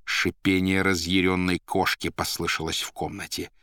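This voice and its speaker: A man narrating a literary audiobook in a measured, expressive way. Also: low voice, no echo, clean studio sound.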